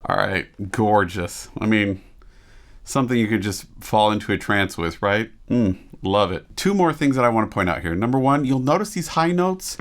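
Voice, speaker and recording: A man's voice: on the low side, animated, moderate pace. A man working as a vocal coach, reacting to a performance with casual, enthusiastic teaching commentary and frequent rhetorical questions.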